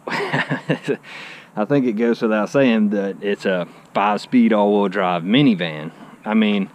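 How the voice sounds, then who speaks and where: A man with a lowish voice takes his time as he hosts a relaxed car vlog, strolling by a garage on a driveway and chatting eagerly with plenty of "I mean." A handheld action camera records him, picking up faint outdoor background noise.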